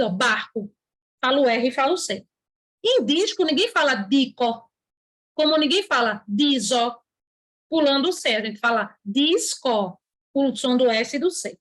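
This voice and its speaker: A woman with a high voice gives an online grammar lesson. She explains patiently and stretches the words she wants to stress, now and then voicing a student's question herself. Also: a bit bright. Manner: writes on a board while talking. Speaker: teacher.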